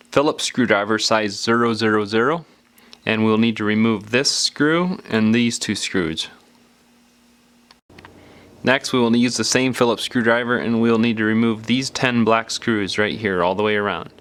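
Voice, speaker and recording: Fairly low-pitched and a little slow, this man's voice is clear and resonant with a fairly bright tone. He's presenting a repair tutorial, narrating the hands-on work step by step in an unscripted, casual manner and occasionally leaving phrases unfinished.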